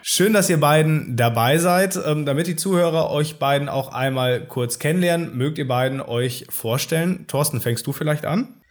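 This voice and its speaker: A man's voice: a little high, normal speed. A man hosting a podcast, giving friendly, scripted introductions and asking questions. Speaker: podcast host. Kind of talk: podcast interview.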